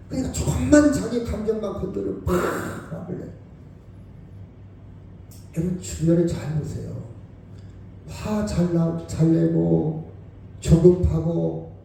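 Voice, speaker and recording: A middle-aged man preaching a sermon to his congregation, animated, swinging between loud exclamations and hushed asides and often asking them to agree. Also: sits high. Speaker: pastor. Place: church sanctuary. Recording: very echoey church hall, mic far off.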